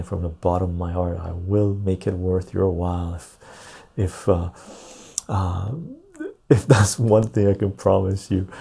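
A man hosting a casual live stream in a laid-back, jokey way, with a gravelly, husky voice, recorded on a clip-on lapel mic. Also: sits low, mellow. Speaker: live stream and podcast host. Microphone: lapel mic clipped on.

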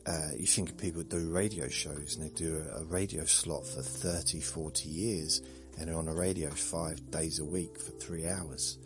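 A man's voice: rumbling low, steady tone, moderate pace, few pauses, over music. A man hosting a sleep podcast, rambling in a meandering, self-deprecating way with jokey asides. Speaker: podcast host.

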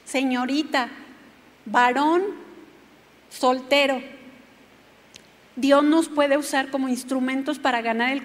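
A woman preaches a sermon, telling her own testimony and turning to speak directly to her listeners. Her voice sits high. A long reverb trails behind her in a church hall.

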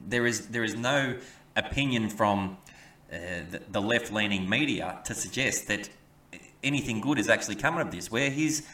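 A man co-hosting a podcast, talking in halting bursts with many stammers and restarts. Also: fairly low pitch, pushed and bright, slight background noise. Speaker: podcast co-host. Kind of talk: opinionated podcast chat. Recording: echoey room, mic at a distance.

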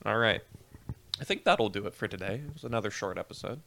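A young man co-hosting a podcast in casual chat, joking, swearing and laughing, sometimes reading aloud a little haltingly. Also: on the low side, animated, creaky, pushed and bright, slight background noise. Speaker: podcast co-host.

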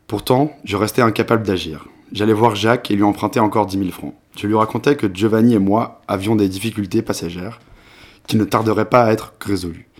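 A man in his late twenties reads a novel aloud, measured and expressive. His voice is fairly low in pitch. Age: 20s. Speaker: reader. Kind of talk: literary reading aloud.

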